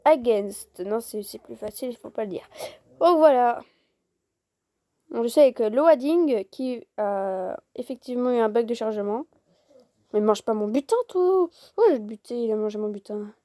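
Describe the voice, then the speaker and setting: A woman's voice: on the high side, lively intonation, normal speed, warm tone, no room sound, clean studio sound. A woman hosting a casual gameplay video, swearing freely and narrating in a mock-formal tone.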